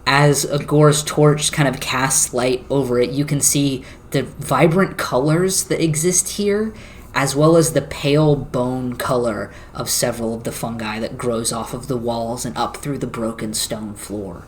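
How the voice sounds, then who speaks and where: A game master narrating a tabletop game, describing a scene in slow, searching phrases with filler words. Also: mid-range voice, steady tone, slight background noise.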